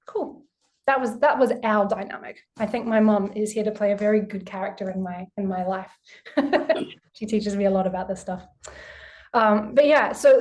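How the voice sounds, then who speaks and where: A woman's voice: mid-range voice, darkish tone. Candid, swearing woman teaching an online class. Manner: candid, emphatic, swears freely. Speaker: spiritual teacher. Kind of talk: live online class talk. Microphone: video call.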